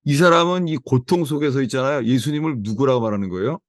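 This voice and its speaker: A man's voice: mid-range voice, fast talker, no echo, studio quality. A man preaching a sermon as pastor to a small house-church gathering, emphatic and asking the listeners rhetorical questions.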